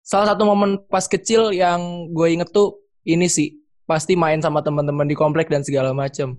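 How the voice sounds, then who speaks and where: A man's voice: fairly high pitch, little pitch movement, fairly quick, a little mellow. A young man, a guest on a casual chat podcast, retelling childhood stories with animation. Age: young adult.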